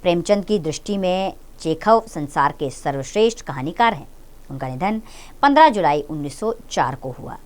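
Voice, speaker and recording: A woman's voice: on the low side, lively intonation, moderate pace, darkish tone. Woman teacher explaining a story. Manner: explains difficult words to children, addresses them directly. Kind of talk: reading and explaining a story lesson.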